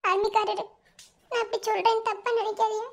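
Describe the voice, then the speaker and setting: A woman's voice: very high voice, level tone, a little fast. A woman voicing a childlike, affectionate young village wife in a cartoon, speaking in Madurai Tamil with a sweet, teasing manner. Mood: pleading. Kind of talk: cartoon voice acting.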